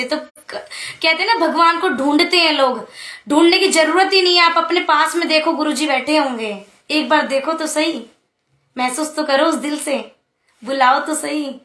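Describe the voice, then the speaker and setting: A young woman in her early twenties sharing a heartfelt devotional testimony before a congregation, talking earnestly and quickly. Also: high-pitched, sharp tone. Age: young adult. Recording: echoey room.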